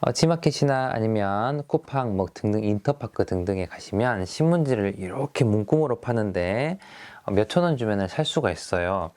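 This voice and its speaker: A man's voice: on the low side, lively intonation, moderate pace, darkish tone. A middle-aged male teacher who talks through classroom activities in a friendly, explaining way, often starting with fillers.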